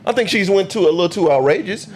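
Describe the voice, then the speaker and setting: A man co-hosting a podcast, trading animated, profane opinions in a casual group debate. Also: high-pitched, fast, slight background noise. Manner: animated, profane, acts out quoted people. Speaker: podcast co-host.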